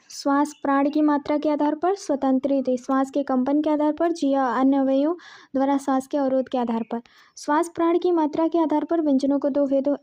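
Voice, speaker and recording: High-voiced woman teaching Hindi grammar. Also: mellow, highs cut off. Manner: reads lists of letters item by item, self-correcting. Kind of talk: exam-prep Hindi grammar lesson.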